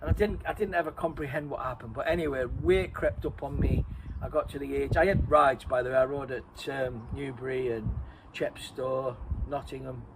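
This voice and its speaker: A man's voice: medium pitch, normal speed, noisy background. Man telling a story. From Redcar, North East England. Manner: rambling, self-correcting, laughs at himself. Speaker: interviewee and co-host. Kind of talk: casual storytelling chat.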